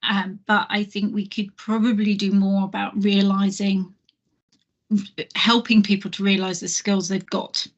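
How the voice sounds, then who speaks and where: A woman's voice: medium pitch, flat delivery, unhurried, dull audio. A woman on a physics alumni panel, talking thoughtfully and earnestly, with many fillers and restarts. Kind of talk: panel discussion.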